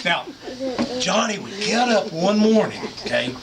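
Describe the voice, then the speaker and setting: Live story-hour ventriloquist for small kids, very varied pitch, question-led and repetitive, noisy room. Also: sing-song, measured pace. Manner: simple questions and repetition for young children. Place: library children's story hour. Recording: noisy room, distant microphone.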